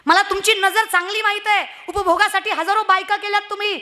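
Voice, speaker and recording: Brief: a woman doing a respectful, probing queen of legend, high, bright voice, storytelling sermon. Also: fairly even intonation, quick pace. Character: curious queen asking her husband privately.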